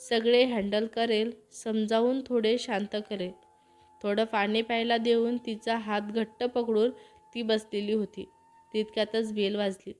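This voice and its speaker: A woman's voice: fairly high pitch, darkish tone. A woman narrating a romantic story, reading every character's lines with feeling in her own voice. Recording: faint music behind.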